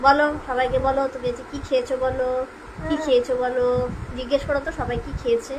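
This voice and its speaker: A woman's voice: high-pitched, little pitch movement, quick pace, noisy background. A mother live-streaming with her baby son, chatting to viewers in a coaxing, sing-song baby-talk voice. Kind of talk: casual live-stream chat.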